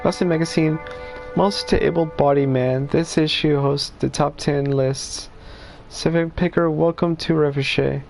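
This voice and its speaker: Slow, gravelly male streamer. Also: on the high side, steady tone, a little mellow, soft background music. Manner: laid-back, laughing, cussing. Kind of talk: casual gameplay commentary.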